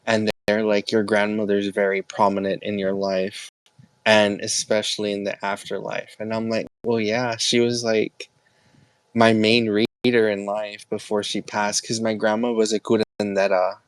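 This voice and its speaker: A man's voice: on the low side, level tone, clean tone, dry recording. A young man calling in, talking hesitantly with many fillers about his family and spirits. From Texas. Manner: hesitant, halting, with many likes and ums. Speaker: caller. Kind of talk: casual talk.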